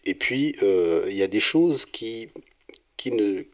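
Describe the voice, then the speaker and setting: His voice on the low side and his pace slow, the middle-aged Congolese singer-songwriter answers interview questions. He is laid-back and tentative, often using fillers and restarting.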